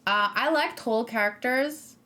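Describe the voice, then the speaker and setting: Fairly high, bright and forceful, this woman streamer's voice moves unhurriedly as she reacts to a game trailer. Her commentary is casual and rambling, peppered with ums and restarts as she corrects herself, over faint background music.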